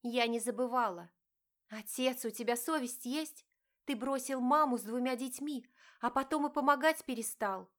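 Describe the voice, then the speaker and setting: A woman's voice: fairly high pitch, normal speed, few pauses, fairly bright tone, close to an everyday voice. A woman voicing an indignant young heroine in an audiobook, speaking sharply and heatedly. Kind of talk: audiobook narration.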